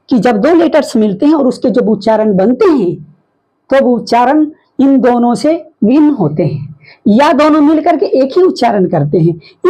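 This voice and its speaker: A woman teacher, her voice high and a little husky, with a mellow, soft tone. She explains phonics patiently, sounding out letters one at a time and stopping to ask the class questions. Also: low-quality recording. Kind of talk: phonics lesson.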